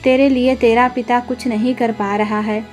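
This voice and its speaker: A woman voicing a sad, helpless old father who speaks softly to his family. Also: fairly high pitch, flat delivery, normal speed, soft background music, natural voice. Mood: sorrowful. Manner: sorrowful, soft.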